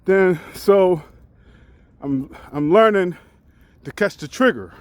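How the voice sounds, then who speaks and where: A forties truck driver on a walk speaks slowly in a fairly high voice with lively intonation, candid and reflective like a casual vlog. He thinks aloud and keeps restarting sentences. The recording is close and dry, with little room sound and no echo.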